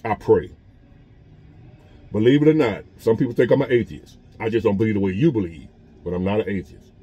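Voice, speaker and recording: A vlogger in his fifties, parked in his truck, delivers an earnest, repetitive pep talk to his phone camera in a conversational preaching manner. The voice is fairly low, brisk, and mellow with a breathy edge, and the recording sounds muffled.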